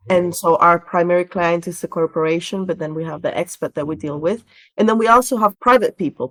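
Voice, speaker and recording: The recording is low quality, carrying a medium-pitched woman's voice. She comes from Venezuela and works as a relocation director, appearing as a podcast guest who tells stories and explains in conversational interview answers.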